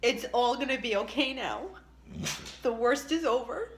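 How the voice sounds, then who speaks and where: A woman's voice: fairly high pitch, normal speed, background noise. A middle-aged woman telling a personal story casually while crying, blubbering, her voice breaking with tears.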